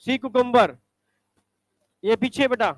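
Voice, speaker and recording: A male teacher quizzing students in a classroom, briskly ordering them to stand up and recite examples. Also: very high voice, no echo.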